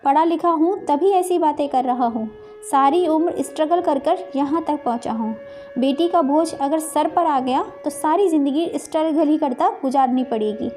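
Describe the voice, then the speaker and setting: A woman plays a stubborn, hot-tempered husband in a moral storybook tale. The voice stays high and mellow. He argues bluntly and raises his voice. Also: moderate pace, soft background music, close to an everyday voice. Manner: stubborn, shouting. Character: stubborn angry husband, middle-aged man.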